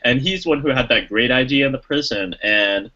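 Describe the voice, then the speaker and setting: A man's voice: mid-range voice, normal speed, bright, forceful tone, dull audio. A man co-hosting a podcast, chatting casually and enthusiastically about a movie, rambling with lots of fillers. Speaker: podcast co-host. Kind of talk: casual movie review chat.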